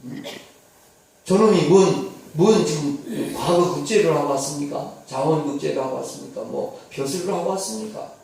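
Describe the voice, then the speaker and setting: Picture an indignant elder son, bitter and resentful, firing off angry questions in a gravelly, mellow voice, as a preacher acts him out in his sermon. The sound carries heavy echo from a distant mic in a large hall. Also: on the high side, normal speed. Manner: protesting, heated rhetorical questions.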